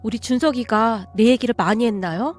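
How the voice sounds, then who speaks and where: A woman's voice: on the high side, a little fast, soft background music, lightly acted. A woman reading a radio story, voicing a humble, earnest widowed mother who speaks politely. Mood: grateful.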